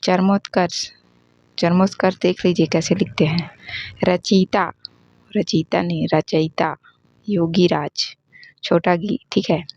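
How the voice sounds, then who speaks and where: A woman works through an exam-prep spelling lesson, reading word after word and correcting common mistakes. Her voice is low, flat and gravelly. Her pace is slow, and the recording is dry and dull. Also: no room sound. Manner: reads word lists and corrects common misspellings. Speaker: teacher. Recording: dull lo-fi sound.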